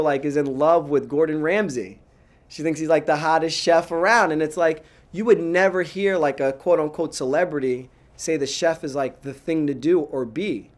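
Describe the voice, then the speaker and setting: A man in his thirties from New York, a chef answering interview questions in a casual, animated way, with frequent "like"s and restarts. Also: on the high side. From New York, USA. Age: 30s. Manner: animated, talks fast with many "like"s and restarts.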